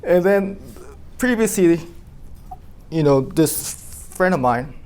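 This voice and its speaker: Animated man telling his team a story. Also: on the high side, slow pace. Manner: animated, asks the room questions, many "like" fillers. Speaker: insurance agency owner addressing his team.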